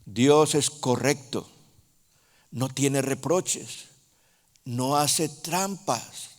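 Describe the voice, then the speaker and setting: A man preaching a sermon in a Honduran Spanish accent, speaking slowly and emphatically, with sudden loud rises and soft drops. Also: mid-range voice. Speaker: apostle preaching. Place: large church hall. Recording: reverberant church hall.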